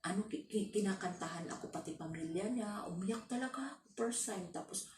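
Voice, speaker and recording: A woman's voice: medium pitch, brisk, a little mellow, a little hiss or hum. A woman from the Philippines who works abroad as a domestic helper, telling her story casually with many restarts and fillers. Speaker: overseas domestic worker. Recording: roomy, from a distance.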